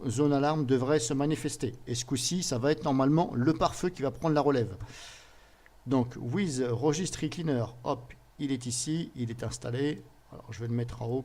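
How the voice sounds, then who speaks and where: A man's voice: medium pitch, darkish tone. A man walks viewers through a computer program on screen, talking casually as he clicks. He hesitates and restarts often and keeps dropping in little filler words between steps. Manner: casual, fills pauses with "voilà" and "hop"; thinks aloud, restarts and hesitates. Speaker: software tutorial presenter. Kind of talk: screen-recorded software tutorial.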